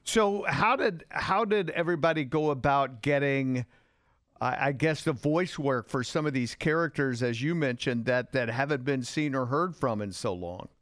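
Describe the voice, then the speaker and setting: A man's voice: mid-range voice, moderate pace, fairly bright tone, no room sound, studio quality. A man hosting an interview, asking casual, conversational questions.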